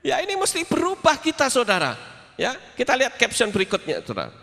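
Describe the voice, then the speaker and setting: A man preaching a sermon as pastor, telling stories in an animated way and acting out voices and sounds. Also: extremely high pitch, quick pace, gravelly, big-room sound.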